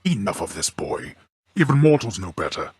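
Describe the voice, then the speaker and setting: In video game character acting, an actor voices a stern, proud old underworld god who is also a gruff father, speaking in a formal, archaic, imperious, curt manner. His deep, gravelly, husky voice swings widely in pitch at normal speed, sounding angry and rebuking, exaggerated, with no room sound.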